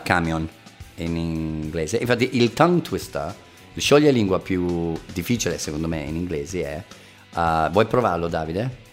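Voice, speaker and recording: A man hosting a casual podcast lesson, playful and jokey, slipping between languages. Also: low-pitched. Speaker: podcast host, English teacher. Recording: faint guitar music behind.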